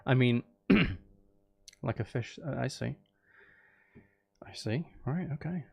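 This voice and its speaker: A man streaming a game chats with viewers in a mid-range voice that is animated yet slow, creaky, and slightly rough. He rambles and teases playfully, jokes about himself, and provides commentary on his gameplay.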